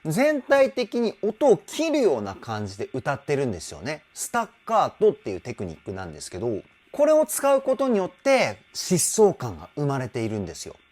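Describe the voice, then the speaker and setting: A man working as a vocal trainer, explaining singing technique in an enthusiastic, animated way. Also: on the high side, brisk, hardly any pauses. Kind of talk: reaction and vocal analysis commentary.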